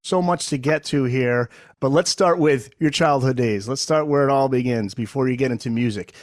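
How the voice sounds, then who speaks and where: A man hosting a podcast, reading a lively scripted intro and then interviewing his guest. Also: mid-range voice, normal speed, no echo, studio quality. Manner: upbeat announcer-style delivery. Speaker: podcast host.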